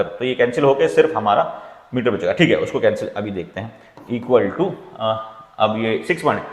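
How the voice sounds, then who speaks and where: A man teaching chemistry as an exam-prep lesson, working problems aloud step by step and often checking in with the class. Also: fairly low pitch. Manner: explains step by step, keeps checking in with "theek hai". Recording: echoey, reverberant room.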